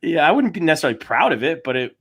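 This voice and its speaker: A man co-hosting a casual podcast chat, animated and joking. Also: on the high side, very fast, husky. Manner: animated, joking, puts on silly voices. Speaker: podcast co-host.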